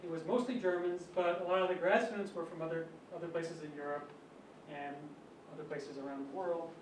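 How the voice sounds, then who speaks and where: A man's voice: on the high side, steady tone, a little fast. Chatty man lecturing in an echoey hall. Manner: chatty, anecdotal, self-amused. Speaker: physics colloquium speaker. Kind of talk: informal academic lecture. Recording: echoey lecture hall, mic at a distance, faint hum.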